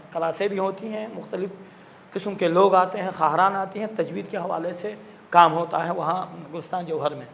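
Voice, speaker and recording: A man's voice: high voice, vocal fry, a little hiss or hum. A man teaching a classroom lesson on Quran recitation, explaining patiently and repeating his points.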